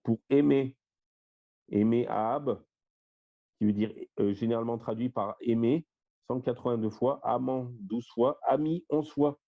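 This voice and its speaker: A man leading an online Bible study over a shared screen, listing word meanings one by one with plenty of fillers. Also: mid-range voice. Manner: lists word meanings in a slow, step-by-step way with fillers. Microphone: voice-call microphone. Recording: dull lo-fi voice-call audio.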